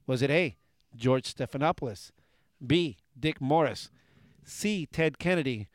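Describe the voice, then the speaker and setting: A man's voice: mid-range voice, expressive, unhurried, dry recording, studio quality. A man hosting a political talk and quiz show from a garage, argumentative and jokey, often pushing to hold the floor. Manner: argumentative, jokey, talks over others.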